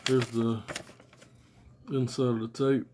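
This American music fan, reviewing albums in a casual, unscripted video from a small room at home, sounds low-pitched, blunt, profane and slangy. He speaks slowly with a flat delivery and a dark tone. A phone or tablet held at arm's length captures him in a noisy recording with clicks.

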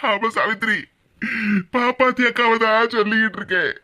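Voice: medium pitch, fairly quick, bright, forceful tone, close to an everyday voice. A voice actor doing a weepy remorseful cartoon husband. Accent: Kanyakumari Tamil. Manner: lamenting, repeats phrases mournfully. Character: remorseful middle-aged husband and father, weepy. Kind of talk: cartoon comedy voice acting.

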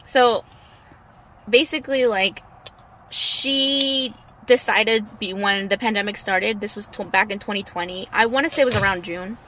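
Riding outdoors in a convertible, a vlogger in her twenties rambles through a story for her car vlog, filling it with fillers. She speaks unhurriedly in a medium pitch that sounds pushed and bright. The audio is poor, with faint road and car noise.

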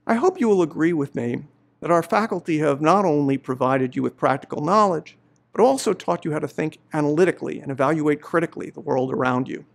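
Middle-aged man, gravelly, slightly high, measured formal speech, faculty greeting. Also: expressive. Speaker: law professor giving faculty greetings. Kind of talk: formal commencement address. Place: indoor studio before a university banner.

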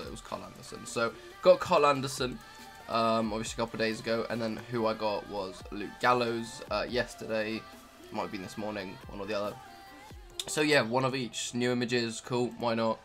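A man's voice: lowish voice, fairly bright tone. Young dude chatting about his card game, lots of ums, kinda offhand, faint music behind. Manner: rambling, filler-heavy, offhand. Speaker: gaming YouTuber. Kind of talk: casual game commentary.

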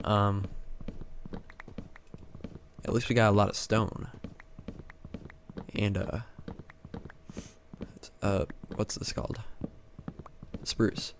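A man's voice: fairly low pitch, slight background noise. A man casually commenting on his Minecraft game, talking to himself and the mobs, with frequent exclamations. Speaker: gaming YouTuber.

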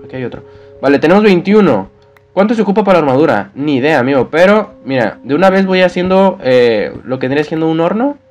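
Jumpy, high-strung man playing a game. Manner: excitable, screams and yelps when scared, chatty with viewers. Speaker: gaming youtuber. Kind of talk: Let's Play commentary.

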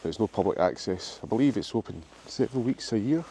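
A man, a regular explorer vlogger, who narrates calmly and then talks in a low-key, matter-of-fact way while walking outdoors. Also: fast talker, slight background noise. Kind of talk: scripted narration and walking commentary. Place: outdoors, village and graveyard. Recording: music behind the voice.

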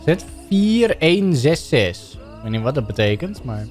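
A man's voice: fairly high pitch, sing-song, measured pace, darkish tone, faint music behind. A young Dutch man streaming a game live, chatting casually and reading on-screen text aloud with jokey asides. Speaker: gaming streamer. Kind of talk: live let's play commentary.

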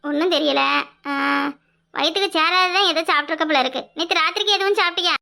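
A woman plays a wise old village granny in a cartoon, calm and folksy as she hands out home cures. The voice sits very high and bright and moves along at a quick clip. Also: exaggerated voice. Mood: reassuring. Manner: soothing, folksy advice. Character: elderly village grandmother healer, calm and knowing.

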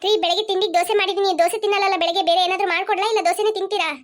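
A woman's voice: very high-pitched, fairly even intonation, heavy background noise. A woman voicing a busy cartoon mother who scolds her kid to hurry for school. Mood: scolding. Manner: scolding, hurried. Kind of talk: cartoon voice acting.

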